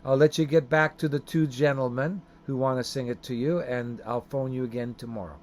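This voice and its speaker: A man's voice: mid-range voice, steady tone, fairly quick, darkish tone. A middle-aged or older man talking casually, as on a family call and to a camera. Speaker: vlogger, son on a phone call. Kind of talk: casual family phone chat and talk to camera.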